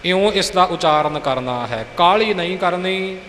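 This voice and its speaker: A man with a Punjabi accent giving a patient pronunciation lesson, drawing out each word slowly to demonstrate it. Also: sits high, lively intonation, fairly bright tone. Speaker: Gurbani pronunciation teacher. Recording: echoey hall with faint hiss.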